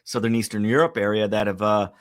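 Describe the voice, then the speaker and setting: A man hosting an interview, asking questions in a halting way with many pauses. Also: fairly low pitch, steady tone. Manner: halting, many fillers and restarts. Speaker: host. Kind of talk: conversational interview.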